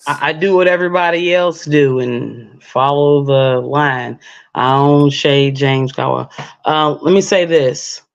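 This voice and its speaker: A woman joining a live chat as a guest, talking slowly and hesitantly, often trailing into "um." Her voice comes through a dull, lo-fi call connection. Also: low-pitched, vocal fry. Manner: hesitant, many fillers and restarts. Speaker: guest caller.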